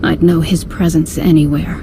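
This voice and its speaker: An actress voices a guarded, blunt former Jedi who protects her family, in scripted video game acting. Her low, gravelly voice barely moves in pitch at a moderate pace, grave and haunted, over loud music and a noisy background.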